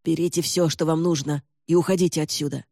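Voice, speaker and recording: A man's voice: a little high, steady tone, fast talker, gravelly, warm tone, no room sound, clean studio sound. A man reading an audiobook and voicing a gaunt older lord who speaks curtly and snaps commands. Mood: commanding. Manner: curt, commanding, snapping.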